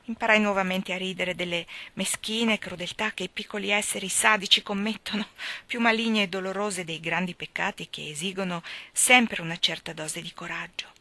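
A woman reading a novel aloud in a soft, at times whispered narration. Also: mid-range voice, steady tone, moderate pace, no echo. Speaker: reader.

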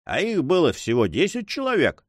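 A man voicing an ironic, quietly bitter young nobleman in an audiobook. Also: fairly high pitch, huge pitch swings, normal speed, breathy edge, dry recording, clean studio sound, pitched above the performer's own voice, full character voice.

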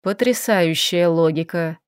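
A woman voicing a calm, dry-witted male vampire advisor who speaks evenly and unhurriedly in an audiobook. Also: fairly low pitch, clear, resonant tone, no echo, lightly acted. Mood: calm teasing. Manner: even, unhurried, teasing.

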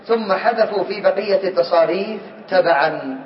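A man teaching a class, quizzing his students and calling on them, slowly repeating key words. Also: sits high, slight background noise. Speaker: teacher of Arabic morphology. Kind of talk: classroom lecture. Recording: distant, roomy, dull lo-fi recording.

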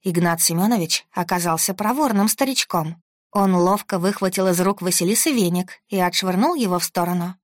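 A woman reading a first-person story aloud in an even, steady manner. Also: lowish voice, fairly quick, no echo, studio quality. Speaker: audiobook narrator. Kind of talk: scripted first-person narration.

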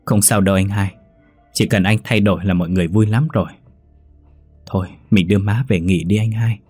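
A gentle young sister soothes and consoles her brother, as a male narrator voices her. The tone is low and husky, close to the mic. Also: steady tone, a little fast, no room sound, soft background music. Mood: consoling.

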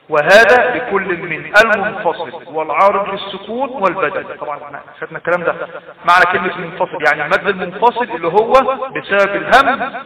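Bright-voiced Egyptian man teaching tajweed. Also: sits high. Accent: Egyptian Arabic. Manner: explains patiently, repeats terms, chants Quran examples. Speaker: Quran recitation teacher. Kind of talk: tajweed lesson. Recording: echoey, distant, dull lo-fi.

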